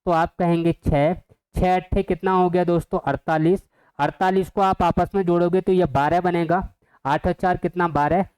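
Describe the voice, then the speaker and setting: High, clear-voiced man teaching math. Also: darkish tone, poor audio. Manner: quizzes the viewers with questions he answers himself. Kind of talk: exam-prep math lesson.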